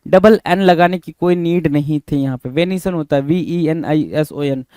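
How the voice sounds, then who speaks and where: Brisk man spelling out words. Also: on the high side, a little mellow, smooth, dry recording, studio quality. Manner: spells words letter by letter, repeats and asks rhetorical questions. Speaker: teacher. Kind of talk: exam spelling lesson.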